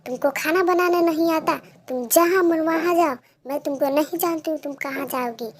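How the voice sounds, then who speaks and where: A woman voicing a cruel stepmother who scolds and yells in a cartoon story. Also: sits high, fairly even intonation, moderate pace, voice pushed up, lightly acted. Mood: angry shouting. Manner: yelling, scolding.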